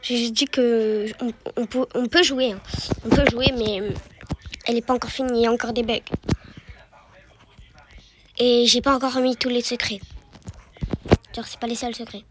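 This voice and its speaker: A woman's voice: a little high, steady tone, moderate pace, pauses often, heavy background noise. A woman giving casual gameplay commentary, chatty and repeating words as she guides the viewer. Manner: chatty, repeats words while guiding the player. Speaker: gaming YouTuber.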